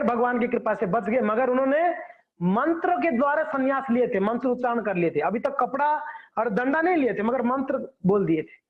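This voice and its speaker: A man giving a devotional sermon, telling a story and acting out the quotes of its characters. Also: extremely high pitch. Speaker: preacher. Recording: tinny phone-like audio.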